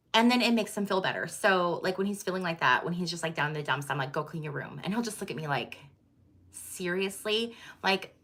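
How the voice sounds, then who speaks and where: A woman's voice: fairly low pitch, bright, forceful tone. A middle-aged woman chatting candidly and casually to her viewers, with many fillers and restarts. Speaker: tarot channel host.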